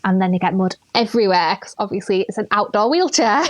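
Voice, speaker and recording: A woman's voice: mid-range voice, fairly quick, no echo. A young woman from Yorkshire, a podcast guest, chatting casually and laughing often as she tells stories. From Yorkshire, England. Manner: laughs often, lively storytelling. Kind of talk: casual chat.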